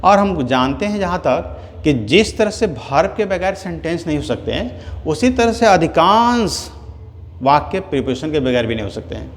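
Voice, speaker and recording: A man teaching English grammar in a classroom-style lesson, dictating word by word and checking in with "clear?" as he goes. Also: fairly high pitch, sing-song. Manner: slow, drawn-out dictation, asks "clear?" often; spells out words one at a time. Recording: long hall reverb, faint noise.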